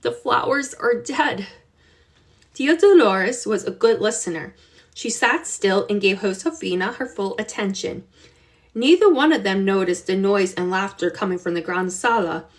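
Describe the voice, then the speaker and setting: A woman reading a children's chapter book aloud with expressive, unhurried storytelling. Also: mid-range voice. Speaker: reader.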